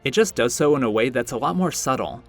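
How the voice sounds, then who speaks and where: A man's voice: mid-range voice, expressive, fast, faint music behind. A man giving scripted commentary as a video essayist, earnest, reflective and a little self-deprecating.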